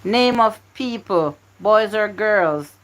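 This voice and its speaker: On her live stream, a woman hosts a word game, talking slowly with a mid-range voice and lively intonation while urging and begging viewers to type in answers. The recording sounds rough.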